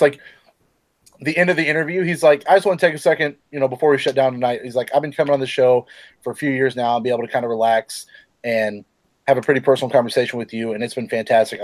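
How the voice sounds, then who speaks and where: A man's voice: medium pitch, no echo. A man hosting a gaming podcast, reading news in a loose, rambling way and swearing often. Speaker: podcast host. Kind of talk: casual gaming news chat.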